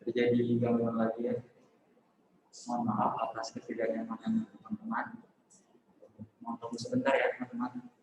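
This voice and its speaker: A man's voice: medium pitch, monotone, normal speed, long pauses. A man moderating an online webinar in a polite, deferential way, over an echoey, muffled call. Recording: echoey, muffled, distant, faintly noisy call.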